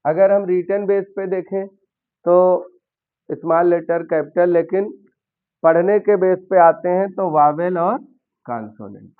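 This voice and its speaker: A man's voice: sits high, a little slow. A man teaching a basic English grammar lesson in Hindi, explaining step by step and asking his learners questions. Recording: tinny phone-like sound.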